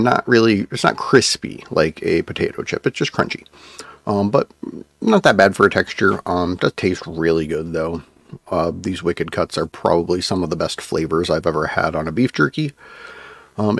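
A man's voice: low-pitched, creaky, no room sound. A man in his thirties giving a casual product review to camera as a channel host, close on a desk microphone in a room at home. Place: small room at home, indoors. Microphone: desk microphone, close to mouth.

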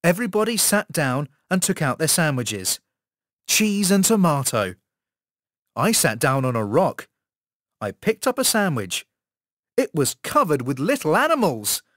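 A man reads a textbook story aloud in scripted narration, slowly and with care. His intonation rises and falls in a lively way. The recording is dry and close, with no room sound. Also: on the high side, dry recording. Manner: slow, careful reading with lively intonation. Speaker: English course narrator.

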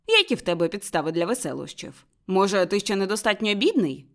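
A gruff, stingy old man snaps back curt, scornful replies, as a woman reader puts him on in a storybook. His voice rises and falls in lively swings. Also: mid-range voice, a little fast. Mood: grumbling. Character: grumpy miserly old man.

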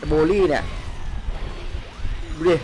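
Man, gaming host, live gameplay commentary, excitable, crude, yells at characters, faint game music behind. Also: slow pace.

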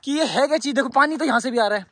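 A young man hosting a travel vlog outdoors, talking excitedly and playfully to viewers. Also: extremely high pitch, rapid-fire, poor audio. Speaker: travel vlogger. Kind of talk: casual outdoor vlog chat. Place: outdoors by a waterfall. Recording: outdoor waterfall noise.

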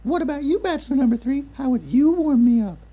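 A woman's voice: sits high, lively intonation, quick pace, warm tone, highs cut off. A woman voicing a coy ghoul scream queen who politely questions her dates in a comedy animation.

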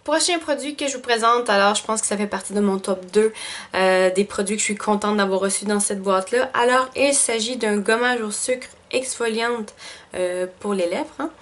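A woman's voice: medium pitch, moderate pace, fairly bright tone. A woman with a Quebec French accent chatting casually through a beauty box unboxing, thinking aloud with lots of fillers. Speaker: beauty vlogger.

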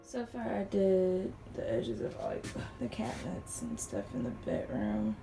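With a fairly low, gravelly voice whose pitch swoops wildly, a young woman unhurriedly chats with viewers as "y'all" about renovating her small trailer, occasionally slipping into a whisper. Music plays in the background of this casual walkthrough vlog. It's filmed on a handheld phone while she walks, and the noisy recording includes sanding.

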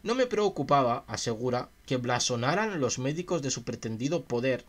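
A man's voice: medium pitch, expressive, normal speed. A man from in a casual livestream, reading a philosophy text aloud and musing about it with his chat in a chatty, questioning way. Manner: reads passages aloud then muses with chat in a chatty, questioning way.

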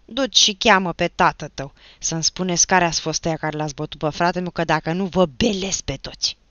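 Woman narrator doing a violent young peasant bully, shouting and snarling threats, forceful. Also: on the low side, no echo, highs cut off, close to an everyday voice. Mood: furious shouting. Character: fierce seventeen-year-old peasant youth, violent.

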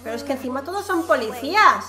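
A woman's voice: high voice, lively intonation, fast talker, bright, forceful tone, soft background music. A woman from commentating her game with teasing humor and frequent laughter. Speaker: gaming youtuber. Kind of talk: excited gameplay commentary. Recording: echoey room with noise.

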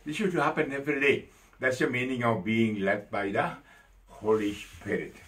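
Priest guy preaching, excited and emphatic, lots of uhs, mic kinda far away. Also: mid-range voice, moderate pace. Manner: animated, emphatic preaching with many fillers. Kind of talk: sermon.

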